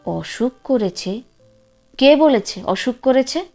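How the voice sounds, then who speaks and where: A woman voicing an unwell elderly mother who lashes out with sharp, scornful outbursts in a storybook reading. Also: high-pitched, lively intonation, slow, soft background music, heavily acted. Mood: angry. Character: unwell elderly mother, fierce, mocking, confused.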